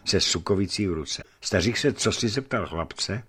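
A man narrating a historical adventure story in an expressive reading style. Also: low-pitched, slightly rough.

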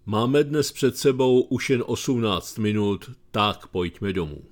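A man's voice: fairly low pitch, lively intonation. Sardonic Czech man reading commentary. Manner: sardonic, dry storytelling. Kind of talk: read-aloud commentary.

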